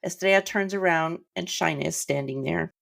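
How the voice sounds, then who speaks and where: Deep gravelly woman podcast co-host. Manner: reflective, emotional, pauses to steady herself. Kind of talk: casual film discussion.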